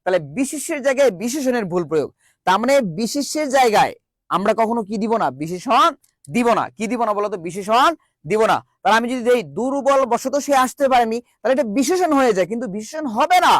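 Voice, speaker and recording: Brisk high-voiced male teacher. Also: lively intonation, a bit bright, no echo. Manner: drilling call-and-response, repeats each question. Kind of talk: online grammar class. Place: virtual classroom.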